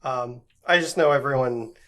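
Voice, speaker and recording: Man hosting a podcast, relaxed questions. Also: mid-range voice, normal speed. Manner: relaxed, hesitant with fillers. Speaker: podcast host. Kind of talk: interview questions.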